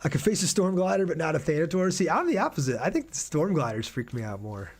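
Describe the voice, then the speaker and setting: A male game streamer chats casually during live gameplay, thinking aloud and reading viewer messages out. His voice is fairly high and sing-song, and he talks quickly.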